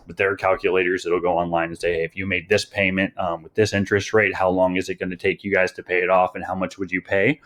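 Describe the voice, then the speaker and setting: A young high school teacher leads a recorded online lesson, rambling with lots of "um"s and "you guys" and sounding a little out of breath. His voice is low-pitched with a fairly bright tone.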